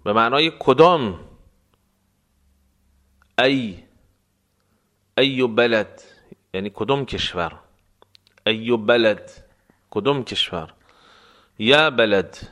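Man teaching phrases by slow repetition. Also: mid-range voice, lively intonation, fairly bright tone. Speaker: language teacher. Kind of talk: spoken phrase lesson with repetition.

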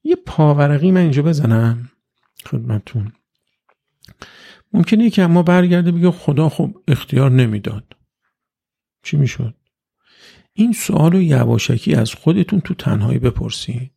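A man with a gravelly, slightly raised voice delivers a religious lecture. He argues through pointed rhetorical questions and acts out the voices of the people he quotes. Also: a little high, animated, pauses often, warm tone.

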